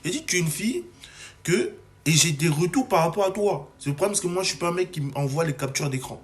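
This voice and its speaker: A man's voice: fairly high pitch, expressive, quick pace. A young adult man from Cameroon delivering an agitated, ranting monologue to camera, full of restarts. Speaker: comedy video maker.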